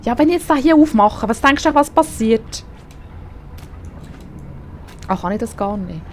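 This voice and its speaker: A woman's voice: a little high, lively intonation, measured pace, a little hiss or hum. A woman with a Swiss German accent commentating a video game, chatty and swearing at the character on screen. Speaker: gaming streamer. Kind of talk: let's play commentary.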